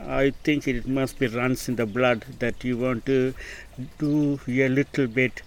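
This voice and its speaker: A man in his sixties from Sri Lanka, a retired nurse, speaking softly and trailing off at the ends of his sentences. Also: medium pitch, steady tone, a little slow. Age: 60s. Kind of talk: casual conversation. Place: garden outdoors by a pond.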